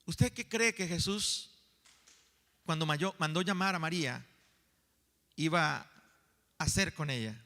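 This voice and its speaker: A man preaching to his congregation, his voice high and piercingly bright. He swells in emphasis and then slows into deliberate pauses. The sound rings with the long reverb of a church hall. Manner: preaching with rising emphasis and slow dramatic pauses. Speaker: pastor. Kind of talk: sermon.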